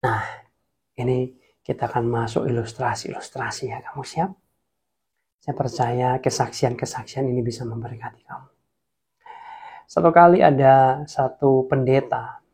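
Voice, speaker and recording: A man preaching a casual, lively sermon, sometimes dropping to a whisper for emphasis. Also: mid-range voice, breathy edge. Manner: lively, drops to whispers for emphasis, mixes in English.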